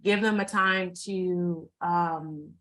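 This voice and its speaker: A woman with a somewhat low voice talks through practical advice as a guest speaker on a video call. Her delivery is informal and halting, full of fillers and restarts, and she often repeats a phrase before moving on. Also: steady tone, fairly bright tone, rough recording. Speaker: mental health first aid responder, guest speaker. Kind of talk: informal presentation to an online group.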